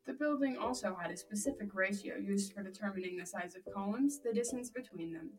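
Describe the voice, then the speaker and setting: A woman's voice: mid-range voice, a little fast. Woman reading a school presentation. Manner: steady, reads out facts. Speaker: class presenter. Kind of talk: read-aloud school presentation. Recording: distant mic with music behind.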